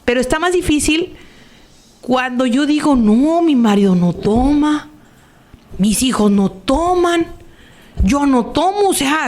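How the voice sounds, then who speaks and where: A woman speaking on the radio as an Al-Anon member. She talks in a reflective, confiding way and keeps checking in with her listeners. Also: a little high. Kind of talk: personal testimony on a radio talk show.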